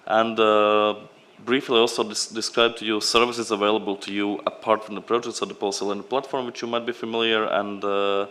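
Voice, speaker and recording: Lower-voiced man. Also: flat delivery, brisk, hardly any pauses, fairly bright tone. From Latvia. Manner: loose, unscripted delivery. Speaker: program representative at a conference. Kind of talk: conference presentation.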